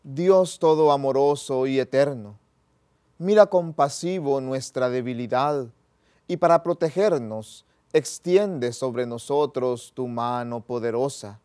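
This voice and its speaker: Priest, man in his 30s, solemn unhurried liturgical delivery, smooth tone, small chapel. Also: medium pitch, a little mellow. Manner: slow solemn liturgical recitation.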